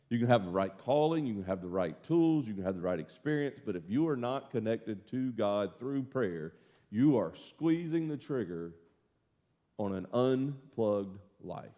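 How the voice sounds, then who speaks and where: Middle-aged pastor, folksy and self-mocking, animated pitch swings. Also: male voice. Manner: folksy, self-deprecating storyteller with lively swings. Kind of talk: casual Bible study teaching.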